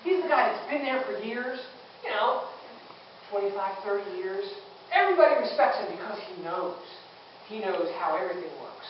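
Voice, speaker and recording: Male preacher, animated storyteller with sound effects; distant, muffled, very echoey church recording. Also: high-pitched, normal speed, slight background noise. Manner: animated, acts out sound effects and swings loud to quiet. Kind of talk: sermon storytelling. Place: church hall. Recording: echoey church hall, distant dull mic.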